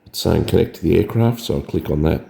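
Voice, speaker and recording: A man with a scratchy, hoarse voice from a cold, hesitantly talking through a setup step by step. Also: sits low, animated, quick pace, dark tone. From Australia. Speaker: drone hobbyist. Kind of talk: casual tutorial narration.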